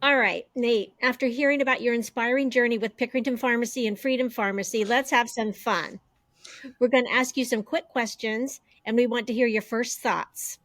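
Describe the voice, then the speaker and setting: A woman's voice: a little high, steady tone, normal speed, fairly bright tone. A woman hosting a podcast interview, asking questions and affirming the answers. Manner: encouraging, affirming. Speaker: podcast host.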